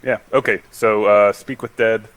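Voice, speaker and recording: A man's voice: on the low side, steady tone, moderate pace, clean tone, rough recording. A man playing a tabletop game over a call, asking tentative questions with many fillers. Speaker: player.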